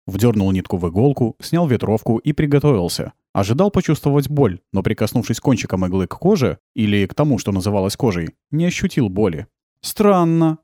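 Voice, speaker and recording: Male audiobook narrator, mellow tone, animated delivery, dry booth sound. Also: lowish voice, dry recording. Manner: calm, even storytelling, brightening for dialogue.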